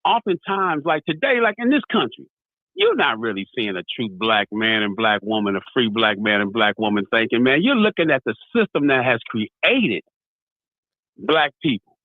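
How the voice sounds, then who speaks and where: A medium-pitched American man hosts talk radio, debating with passion in a relaxed way at a normal speed and big pitch swings. He narrates stories, acts out dialogue, and repeats "you know what I mean," heard in a dry, tinny, phone-like recording.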